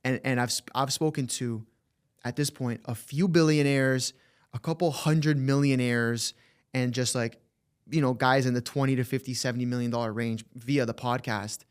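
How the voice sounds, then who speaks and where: Animated young man with a slight lisp. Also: medium pitch, clean tone. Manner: animated, profane, quick to act out quotes. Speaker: podcast guest, agency co-founder. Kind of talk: casual interview talk.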